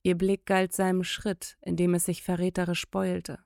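A woman narrating an audiobook in a measured, intimate storytelling manner. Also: on the low side, completely flat delivery, vocal fry, darkish tone, no echo, clean studio sound.

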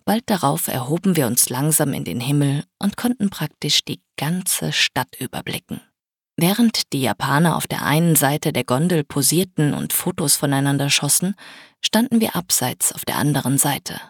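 Woman, audiobook narrator, husky breathy voice, even read, dry close mic. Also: low-pitched, moderate pace, no echo. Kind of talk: scripted first-person narration.

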